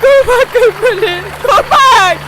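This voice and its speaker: A woman dubbing a desperate young captive in a TV drama, pleading in a very high voice. Loud music and a crowd murmur run behind her. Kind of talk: dubbed TV drama.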